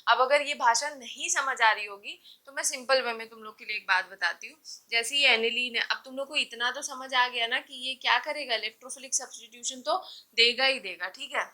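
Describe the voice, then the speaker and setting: A woman's voice: a little high, brisk, sharp tone, poor audio. A woman teaching chemistry in a classroom-style lecture, asking rhetorical questions and answering them herself, with light teasing of her students.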